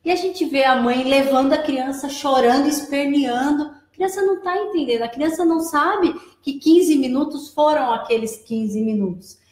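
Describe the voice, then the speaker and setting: Woman guest, high voice, explains and repeats key points, roomy echo. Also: normal speed, few pauses, darkish tone. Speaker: guest, preschool operations director. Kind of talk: live advice chat. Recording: echoey room.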